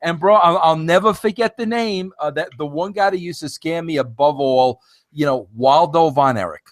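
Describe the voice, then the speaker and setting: High-voiced enthusiastic male host. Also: moderate pace. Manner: enthusiastic, says "bro" and "you know" often. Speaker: interview host. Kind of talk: casual interview chat.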